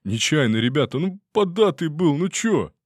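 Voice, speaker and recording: A man's voice: fairly high pitch, big pitch swings, moderate pace, no room sound, studio quality, voice pushed up. A man voicing a frightened, whining middle-aged trespasser who pleads and stammers to be let go. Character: whiny scared middle-aged male trespasser.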